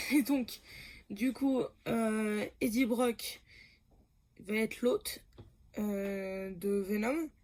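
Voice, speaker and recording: A woman's voice: medium pitch, extremely slow, pauses often, a little mellow. A woman talking casually about comics for her channel, hesitant, with many fillers, self-corrections and frequent laughs. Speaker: comics YouTuber.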